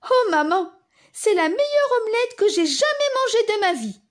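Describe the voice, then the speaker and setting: A woman's voice: high-pitched, big pitch swings, a little slow, pitched above the performer's own voice. A woman voicing a glum, stubborn little boy in a children's story, simply and plaintively, as if reading to a toddler. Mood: proud, delighted.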